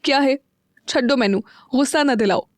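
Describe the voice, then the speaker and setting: Audio-story casting: a woman playing a fiery Punjabi young wife, indignant and higher-voiced. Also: moderate pace, no room sound, clean studio sound, lightly acted. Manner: huffy, indignant and sharp-tongued.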